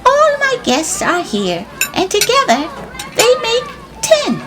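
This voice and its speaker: A cheerful, stalling old grandmother beetle for a storybook trickster tale. The voice is squeaky and extremely high. It leaps about in a sing-song way, over loud background noise. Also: huge pitch swings, slow pace, over a noisy crowd, heavily acted. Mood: bright, welcoming.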